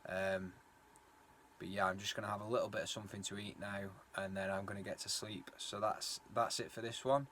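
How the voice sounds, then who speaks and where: A man's voice: on the low side, level tone, brisk, fairly bright tone. A man chatting casually as he vlogs a night bike ride outdoors, rambling with lots of fillers. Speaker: cycling vlogger. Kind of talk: casual vlog narration while riding. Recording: windy outdoor phone recording. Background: wind noise.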